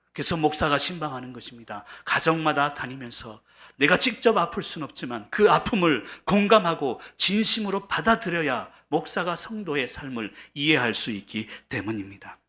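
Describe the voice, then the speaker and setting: A man's voice: mid-range voice, pushed and bright. A middle-aged man preaching a sermon as pastor, earnest and building to emphatic peaks.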